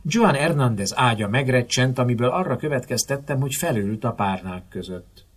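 Expressive male narrator for a first-person mystery audiobook; husky voice, animated and theatrical delivery. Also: medium pitch. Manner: expressive, dramatic storytelling.

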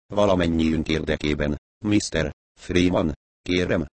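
A man reading an audiobook, voicing a calm, commanding man who takes charge in a matter-of-fact way. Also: a bass voice, no room sound. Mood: cool commanding.

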